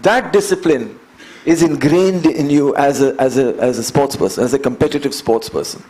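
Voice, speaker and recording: A man in his fifties with an Indian English accent, telling his story as an interview guest in an earnest, measured way and building his points through repeated phrases. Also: mid-range voice, mellow, poor audio. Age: 50s. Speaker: guest, endurance athlete.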